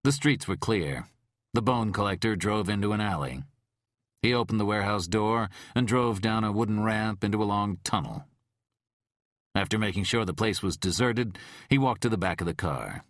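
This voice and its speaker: A man narrating an audiobook thriller in a measured, dramatic storytelling manner. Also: deep voice, no echo, clean studio sound.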